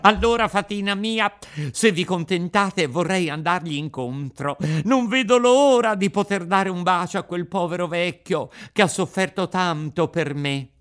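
A man reading a storybook aloud, voicing an excitable wooden puppet boy who exclaims eagerly. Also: sits high, unhurried, voice pushed up. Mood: excited.

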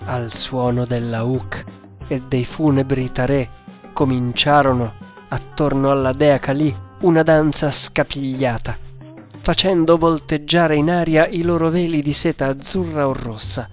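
A man reading an adventure novel aloud in a measured, dramatic storytelling manner. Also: a little high. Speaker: narrator. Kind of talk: audiobook reading. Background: faint music.

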